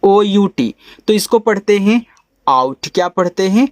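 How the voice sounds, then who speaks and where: A man teaching an English reading lesson, who spells out each letter slowly and then says the whole word lower and softer, checking in with his students. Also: expressive, no echo, clean studio sound. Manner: coaxing, checks in with "ठीक है?". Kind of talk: step-by-step phonics lesson.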